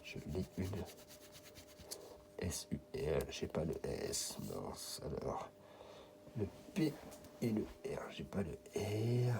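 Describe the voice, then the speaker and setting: A man's voice: very deep voice, wildly swooping pitch, takes it slowly, creaky, pauses often, noisy background. A French man giving casual running commentary, muttering and half-whispering letters as he checks a card. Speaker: scratch-card vlogger.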